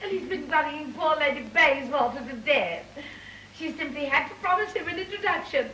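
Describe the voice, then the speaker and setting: A high, bright English woman's voice a fussy, gushing society mother in stagey old movie style. She flutters and muddles along over a hissy early talkie soundtrack. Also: expressive, moderate pace, rough recording. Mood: gushing, eager. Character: gushing, socially ambitious wealthy mother, comically muddled. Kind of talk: stagey 1930s early talkie film comedy acting.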